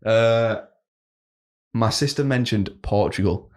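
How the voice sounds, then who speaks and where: A man's voice: fairly low pitch, takes it slowly. A young man co-hosting a casual podcast, laughing often and swearing freely. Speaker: podcast co-host. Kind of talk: casual banter.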